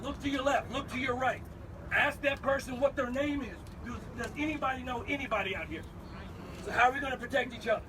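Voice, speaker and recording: Urgent male crowd-rouser at a street protest; high voice heard from afar over traffic. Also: fast. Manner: urgent, direct, call-and-response. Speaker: protest speaker. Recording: distant crowd-noise street recording.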